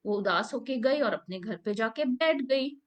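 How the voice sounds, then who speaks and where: High-voiced woman telling kids a story. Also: animated, measured pace. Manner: gentle, asks the children questions. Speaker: preschool teacher. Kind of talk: storytelling lesson for young children.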